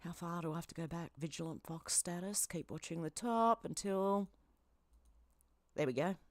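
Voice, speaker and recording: A woman's voice: fairly low pitch, moderate pace, dry recording. An Australian woman commenting on online posts, reading them aloud with blunt, sarcastic asides. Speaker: commentary vlogger.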